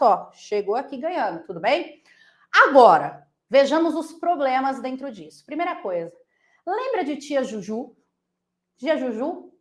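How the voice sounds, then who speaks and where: A woman teacher with a Brazilian accent gives a playful, animated essay-writing lesson, full of silly nonsense sounds and voices. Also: high voice, reverberant. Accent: Brazilian Portuguese.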